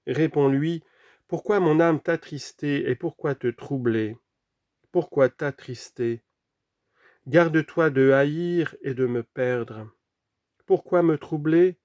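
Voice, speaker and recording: A man's voice: a little high, dry recording. Earnest man reading a sermon aloud. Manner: earnest, slow and deliberate, drops to quiet for scripture references. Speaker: reader of a sermon.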